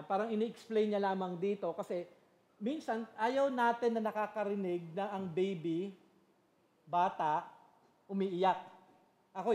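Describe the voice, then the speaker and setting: A woman's voice: mid-range voice, mellow, echoey room. A middle-aged woman giving a church parenting seminar, switching between Tagalog and English and reading scripture aloud in an earnest teaching style. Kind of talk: teaching sermon. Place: church meeting room.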